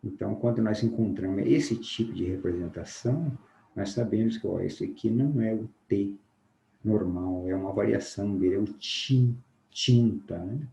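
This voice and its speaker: A man from Minas Gerais with a Mineiro Brazilian accent, teaching a phonetics lesson and often checking in with a quick "né?" as he explains and sounds out examples. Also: fairly low pitch, vocal fry, warm tone, reverberant, poor audio. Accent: Mineiro Brazilian Portuguese. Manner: explanatory, repeats "né?" often, demonstrates sounds slowly.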